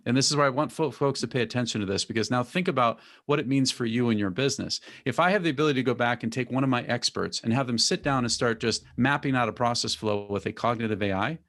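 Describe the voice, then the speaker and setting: A man's voice: medium pitch, fast, hardly any pauses, a bit bright. A man hosting a fireside chat, who sums up the guest's points with enthusiasm and prompts with questions. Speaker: host.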